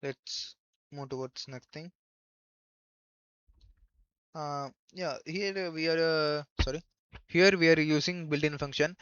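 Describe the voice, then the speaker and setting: A man giving a coding tutorial in a halting way, thinking aloud as he goes. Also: on the high side, steady tone, fairly bright tone, smooth, no echo. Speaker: programming tutor. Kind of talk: screen-recorded coding tutorial. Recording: dull lo-fi microphone.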